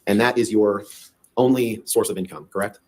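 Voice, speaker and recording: A man's voice: lowish voice, normal speed, a little mellow. A man cross-examining as a lawyer in court, pressing with leading tag questions.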